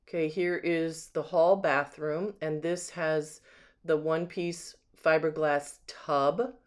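A clear, resonant voice of medium pitch guides viewers through an empty house, a home sales agent talking casually without a script while holding the camera. Room by room, he or she points out and admires things one at a time.

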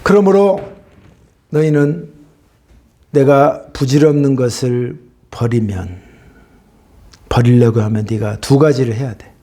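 A male pastor preaching a sermon, swinging between loud emphatic bursts and hushed whispers. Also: mid-range voice, slow pace, pauses often.

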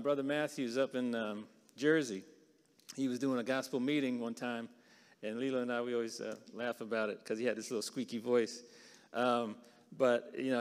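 A man teaching a conversational sermon to a church class, often checking in with his listeners with "right?". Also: medium pitch. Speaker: preacher teaching a Bible class. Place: church auditorium. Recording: long hall reverb.

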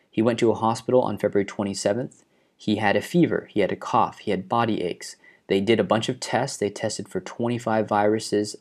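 A young man from Hawaii in his twenties talks earnestly to a webcam in his living room, explaining the latest news and stressing the key numbers. His voice is lowish and a little mellow.

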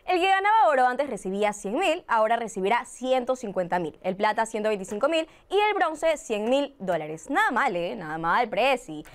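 A woman's voice: a little high, moderate pace, few pauses. A young woman presenting a student news show in a studio, teasing and upbeat, on a lapel mic. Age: young adult. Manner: lively and teasing. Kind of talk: scripted satirical news reading.

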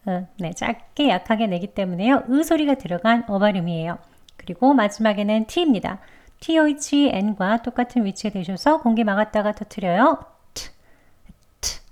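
A woman teaching English pronunciation, who explains calmly and precisely, step by step, and models each word very slowly. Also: mid-range voice. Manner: models words very slowly and deliberately. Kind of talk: scripted pronunciation lesson.

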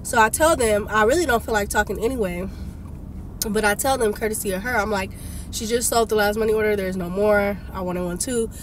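A young woman, sick and stuffed up, vents and spins an animated story in a casual vlog rant recorded from her car's dashboard on a phone while parked. Her mid-range voice is brisk, and there's slight background noise.

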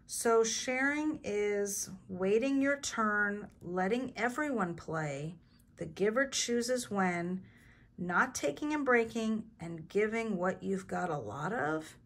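A woman voicing an excitable young boy shark, high and bursting with excitement. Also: slow pace, full character voice. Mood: puzzled.

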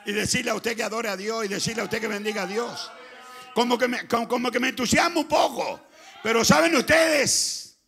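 A man with a Chilean accent preaching a fervent sermon in a church, often shouting and swinging between loud bursts and quiet asides. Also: extremely high pitch, a little fast, gravelly, a faint crowd. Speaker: pastor. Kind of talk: Pentecostal sermon.

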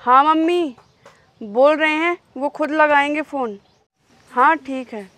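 A woman's voice: high voice, slow pace, background noise. A woman playing a wife in a comedy sketch, insistent and taunting toward her husband. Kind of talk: scripted comedy sketch acting.

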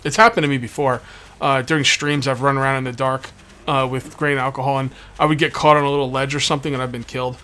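A mid-range male voice with a sharp tone and flat delivery comes through quickly. The speaker hosts a let's play series, rambling casually over gameplay, repeating himself, and talking with a sore, bitten tongue. Game ambience sits behind him as background noise.

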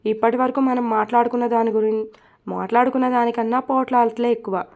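A woman voicing a lonely, tearful young wife who confides softly in a read-aloud story. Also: on the high side, fairly even intonation, fast talker, lo-fi sound, close to an everyday voice. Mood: tearful, confiding.

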